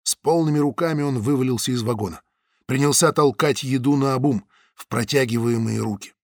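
A man's voice: mid-range voice, fairly quick, a little mellow, no echo, clean studio sound. A man narrating an audiobook in a dramatic, tense reading. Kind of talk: scripted narration.

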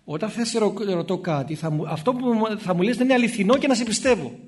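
High-voiced priest giving a lively sermon. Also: male voice. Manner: conversational, acts out little dialogues in shifting voices. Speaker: Orthodox priest. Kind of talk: spoken sermon.

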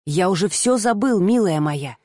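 A woman's voice: mid-range voice, lively intonation, moderate pace, dry recording, close to an everyday voice. Casting: woman doing an obsessive young man, cooing and pushy, dry close sound. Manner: cooing, then yelling angrily.

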